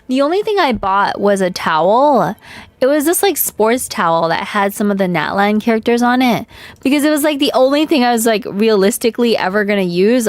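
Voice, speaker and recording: A woman's voice: medium pitch, dry recording. A woman from China chatting casually on a gaming livestream, candid and slangy with some swearing. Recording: music playing behind voice.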